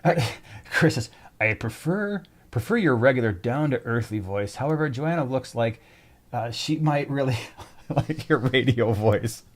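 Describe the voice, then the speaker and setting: A man's voice: medium pitch, animated, a little slow. A man co-hosting a casual live stream, chatty and joking while he answers viewer questions.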